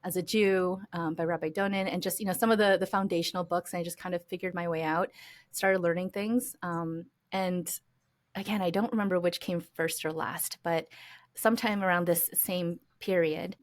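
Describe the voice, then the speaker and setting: A woman's voice: lowish voice, steady tone, moderate pace. An American woman as an interview guest, telling her story reflectively with fillers and restarts. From United States. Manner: reflective, many fillers and restarts, laughs lightly.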